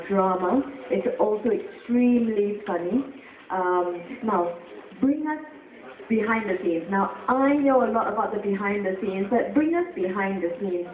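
A woman hosting a public talk, lively and prompting the guest with questions. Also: mid-range voice. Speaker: event host. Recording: tinny, echoey, from far off.

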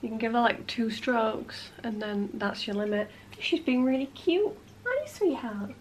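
A woman in her late 20s chats casually from a small, cluttered room at home as a vlogger, her voice congested from a cold. She sounds a little high with lively intonation at normal speed, full of "like" fillers and playful asides, with a little hiss or hum in the audio.

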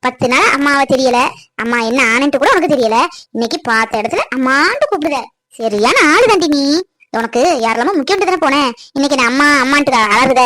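A woman's voice: extremely high pitch, quick pace, vocal fry, fairly bright tone, no room sound, full character voice. A woman voicing a stern but loving mother in a cartoon, scolding her daughter sharply before giving her blessing. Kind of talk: cartoon voice acting.

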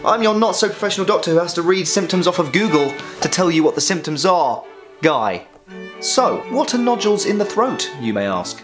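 A man's voice: high-pitched, very animated, fairly quick, voice pushed up. A man doing a goofy amateur doctor with a voice pushed well above his own, bouncing along in a mock-cheerful presenter tone. A faint bed of music plays behind him. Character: goofy self-styled amateur male doctor.

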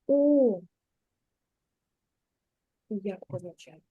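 A woman's voice: medium pitch, animated, very slow, breathy edge, phone-quality sound. A woman kindergarten teacher giving a patient, encouraging one-on-one reading lesson to a young child, prompting step by step.

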